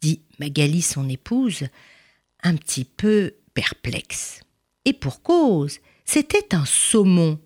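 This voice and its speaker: A woman narrating a folk tale in an expressive storytelling manner, asking dramatic questions. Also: medium pitch.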